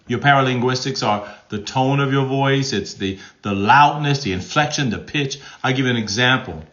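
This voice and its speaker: With dull-sounding audio, a man with a mid-range voice speaks at a moderate pace while livestreaming relationship advice as a pastor. He responds to viewer comments, acts out example tones of voice, and stays animated, repeatedly asking "okay?"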